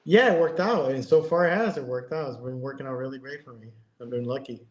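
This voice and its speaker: A man in his fifties from Connecticut, a guest talking in a casual, halting way, with many ums and restarts. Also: mid-range voice, roomy sound, poor audio. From Connecticut, USA. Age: 50s. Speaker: guest, airbrush artist. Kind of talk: casual interview chat.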